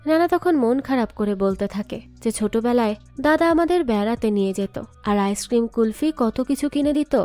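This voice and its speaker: A woman retells a family drama in a brisk, matter-of-fact narration. Her voice sits high, with faint music under it. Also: expressive, warm tone. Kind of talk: story recap narration.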